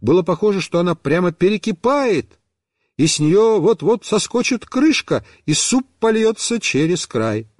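A man reading a children's story aloud in a lively, playful, animated way. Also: high voice, normal speed, dry recording, clean studio sound. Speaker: reader.

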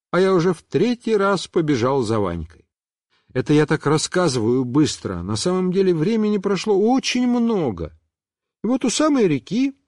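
A man reading a children's story aloud in a first-person voice, with expressive storytelling. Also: high-pitched, dry recording, clean studio sound. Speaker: reader.

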